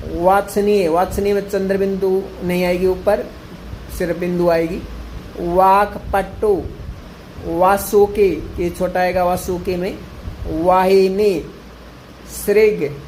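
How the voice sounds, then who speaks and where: A male teacher giving an exam-prep grammar lesson, repeating each word slowly to drill it. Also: sits high, a little mellow, a little hiss or hum, poor audio.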